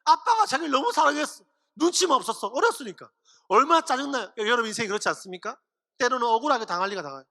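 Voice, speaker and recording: A man preaching to teenagers, telling a story in an animated way and acting out the people in it. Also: very high-pitched, gravelly, long reverb tail. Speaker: pastor. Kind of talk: youth sermon.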